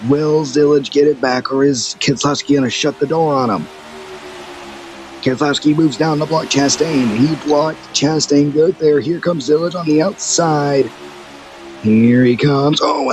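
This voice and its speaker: Breathless, excitable male race commentator. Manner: excitable, rapid and breathless, with sudden high exclamations. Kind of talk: play-by-play commentary of a video game race. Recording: clear background music.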